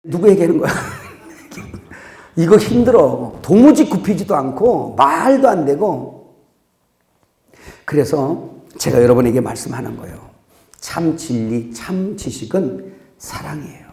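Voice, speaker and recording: A man preaching a sermon as pastor, swinging between loud outbursts and quiet asides, laughing at his own jokes. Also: on the high side, sing-song, measured pace, vocal fry, pauses often, roomy sound.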